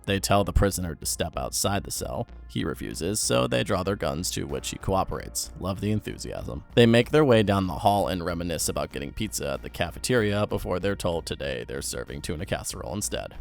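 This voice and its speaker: A man's voice: low voice, sing-song, fairly quick, gravelly, few pauses, soft background music. A young man giving wry, sarcastic commentary on horror videos.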